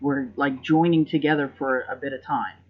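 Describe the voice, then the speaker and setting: A man's voice: mid-range voice, steady tone, normal speed, muffled recording. A man hosting a podcast in casual chat, rambling and reflective and often repeating words as he thinks. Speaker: podcast host.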